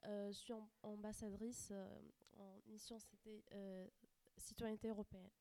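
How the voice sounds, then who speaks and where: A young woman from Tunisia, a student answering interview questions. Her voice is mellow and even, and she hesitates often with fillers. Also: mid-range voice, moderate pace, no echo. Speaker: student guest.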